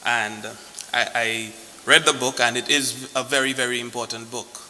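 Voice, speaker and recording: Bright, forceful man lecturing at a podium. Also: medium pitch, steady tone, moderate pace. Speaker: guest lecturer. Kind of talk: formal podium speech, lecture. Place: large echoing room at a book launch. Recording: echoey hall, noisy hiss.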